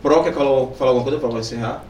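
A man's voice: mid-range voice, very fast, darkish tone, lo-fi sound, a little hiss or hum. A man with a Bahian accent hosting a podcast, upbeat and teasing as he coaxes his guests. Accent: Bahian Portuguese. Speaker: podcast host. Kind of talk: casual chat. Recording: echoey room from far off.

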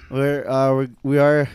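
Man, casual podcast host, halting and easygoing, mid pitch. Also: gravelly, darkish tone. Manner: halting, restarts often, laughs.

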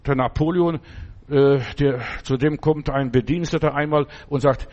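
Emphatic preacher man, fairly high voice. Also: fairly even intonation, normal speed, a little mellow, dull audio. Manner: emphatic, repetitive preaching with tag questions. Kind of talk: sermon.

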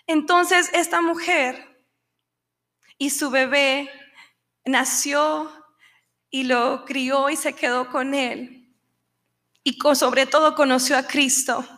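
A woman's voice: sits high, steady tone, slow pace, long pauses, sharp tone. A woman preaching a sermon, telling a story with passion and acting out the people in it. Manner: impassioned, acts out quoted voices.

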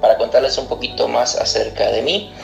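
In a recorded interview, a man in his thirties, born in Argentina and raised in Costa Rica, explains his work as a pastor. His mid-range voice is creaky and fairly quick. The room echoes, with music playing underneath.

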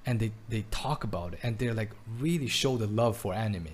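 Casual chat from a man's home in Taiwan: he grew up in Belgium and speaks in a lowish voice, fairly quickly, over a faint hiss or hum. His speech is halting, full of restarts and repeated words.

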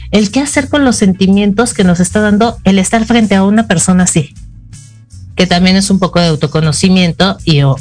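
A middle-aged woman with a Mexican accent, a psychologist co-hosting a casual talk show and explaining with frequent "ajá" fillers. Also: mid-range voice. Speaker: psychologist co-host.

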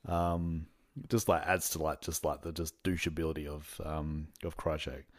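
Deep-voiced man rambling through a recap. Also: level tone, moderate pace. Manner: rambling, full of fillers and restarts, laughs often; acts out characters' lines when retelling. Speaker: podcast host. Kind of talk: casual recap chat.

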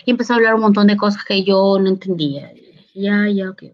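A woman's voice: medium pitch, brisk. A woman, earnestly recounting a personal ordeal in an interview, often restarting her sentences. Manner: earnest, with frequent restarts and quoted dialogue. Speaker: interviewee sharing a personal testimony. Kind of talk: emotional personal storytelling. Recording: slightly dull lo-fi audio.

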